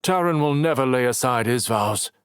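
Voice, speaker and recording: A man's voice: medium pitch, animated, moderate pace, smooth, dry recording, clean studio sound, voice pushed up, natural voice. A man narrating an audiobook voices an injured, determined man who talks earnestly, teases, and snaps back. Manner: earnest, teasing, snappish.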